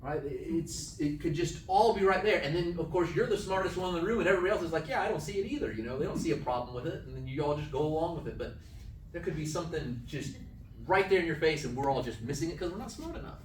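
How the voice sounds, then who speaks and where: Animated male camp speaker, echoey room. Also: on the high side, quick pace, slight background noise. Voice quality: animated storyteller, often checking in with the audience. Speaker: camp speaker teaching a class. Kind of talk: casual lesson talk. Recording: echoey room, mic at a distance, faint ambience.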